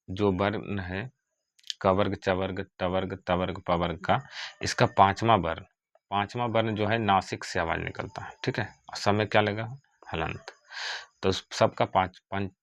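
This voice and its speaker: Low-voiced grammar teacher. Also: male voice, a bit bright, no echo. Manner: asks questions then answers them himself, repeats "ठीक है". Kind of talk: classroom lesson with questions and answers.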